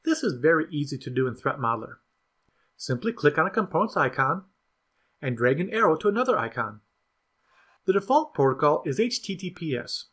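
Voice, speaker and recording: Measured and instructional, a man narrates a scripted software product demo. His voice carries a husky edge and a slightly elevated pitch, and its lively intonation keeps every step clear.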